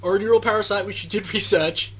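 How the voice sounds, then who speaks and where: A man doing live esports commentary, chatty and sarcastic, who gets loud and excited during fights. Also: sits high, fast, slight background noise, rough recording. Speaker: game commentator.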